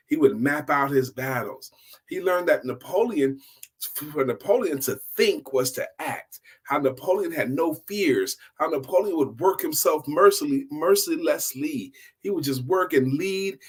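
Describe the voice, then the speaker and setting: A middle-aged man with a fairly high, somewhat breathy voice hosts an informal motivational storytime. He's a sales coach and speaker, and like a seasoned pro he repeats key phrases for emphasis.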